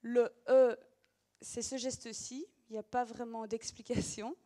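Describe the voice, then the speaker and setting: A woman's voice: on the high side, fairly even intonation, normal speed, mellow. A woman teacher giving an explanatory demonstration of reading gestures, talking patiently with frequent hesitations.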